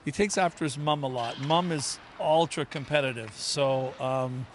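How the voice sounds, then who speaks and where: A middle-aged man from a first-generation Irish family, the player's father, chats casually as an interview guest. His mid-range voice moves at a moderate pace, rambling with plenty of "you know" and restarts, over slight background noise.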